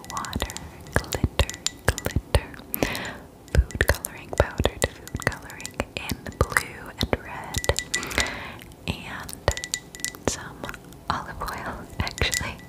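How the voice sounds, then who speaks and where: A young woman hosts ASMR in a breathy, unvoiced whisper. She takes her time, letting phrases fall slowly and sometimes repeating a word, right up close to the microphone. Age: 20s. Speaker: ASMR host. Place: small dim room indoors. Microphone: close mic, near the mouth.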